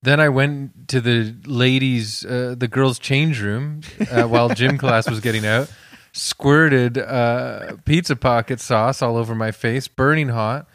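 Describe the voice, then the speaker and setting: A man co-hosting a comedy podcast in casual, joking chat, telling things in a rambling, deadpan way. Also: medium pitch, unhurried, no room sound, studio quality. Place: warehouse used for recording.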